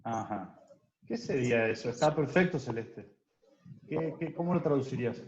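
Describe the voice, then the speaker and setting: A man's voice: mid-range voice, expressive, normal speed. Patient man teaching English on a video call. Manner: patient, drills pronunciation and asks for questions. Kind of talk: online class, explaining grammar. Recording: roomy, dull video-call audio with faint noise.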